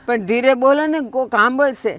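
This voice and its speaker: A woman's voice: high-pitched, moderate pace, no echo. A woman playing a pleading elderly village mother. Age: older. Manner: pleading, urging others to speak quietly.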